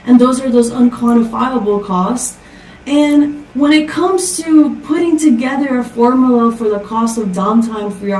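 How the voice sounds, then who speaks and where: A fairly high, slightly mellow female voice belongs to a Costa Rican conference speaker giving an upbeat, prepared tech talk with many rhetorical questions. A little hiss or hum can be heard, and the recording is echoey and distant from the mic.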